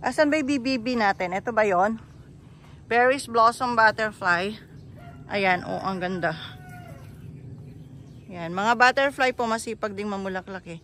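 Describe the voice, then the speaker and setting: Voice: medium pitch, measured pace, pauses often, fairly bright tone, a little hiss or hum. A chatty plant seller, walking through a garden and pointing out plants one by one. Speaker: bougainvillea seller giving a garden tour. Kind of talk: casual garden walkthrough vlog.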